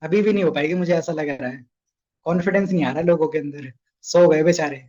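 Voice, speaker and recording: A man's voice: a little high, fairly quick, warm tone, highs cut off. A young man runs a casual online sales training session, chatty and coaxing, often asking his listeners questions.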